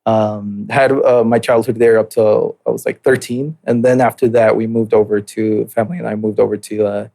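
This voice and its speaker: His voice sits on the low side, creaky and warm, with a steady tone, normal speed, and hardly any pauses. He's in his late twenties, Mexican-born and raised in southern California and Utah, casually recounting his life on a podcast with plenty of fillers, restarts, and a relaxed, hesitant manner.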